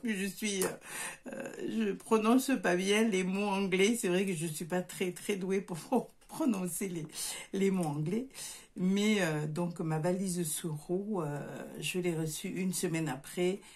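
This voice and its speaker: Middle-aged woman, southern French accent, hesitant casual vlog chat, somewhat low voice, home craft room. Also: steady tone, takes it slowly, darkish tone. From southern France. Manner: hesitant, many fillers and restarts. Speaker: crafts vlogger. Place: home craft workshop, indoors.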